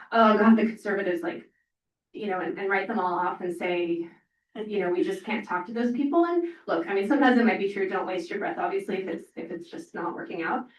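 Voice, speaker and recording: A woman's voice: medium pitch, a little hiss or hum. Earnest woman rambling with fillers. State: emotional. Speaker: panelist, parent organizer. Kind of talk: panel discussion. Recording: echoey room, from far off.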